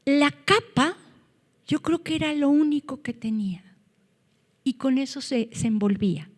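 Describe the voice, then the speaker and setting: A woman preaching a sermon, earnest, rising to loud cries when she quotes scripture. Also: sits high, animated, a little slow, long reverb tail.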